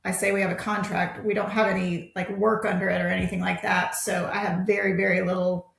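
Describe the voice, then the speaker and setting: A woman's voice: mid-range voice, flat delivery, fairly quick, gravelly. A woman guest on a podcast, speaking in friendly, plain casual chat with some hesitant fillers. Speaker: guest, federal contract specialist. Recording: roomy echo.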